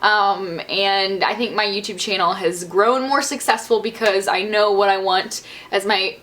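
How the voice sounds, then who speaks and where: A young woman answers viewer questions in a casual vlog. She is bubbly, chatty and playful, and she talks at an everyday pitch. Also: fairly even intonation, unhurried, a bit bright. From Southern US. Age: young adult. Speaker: beauty vlogger.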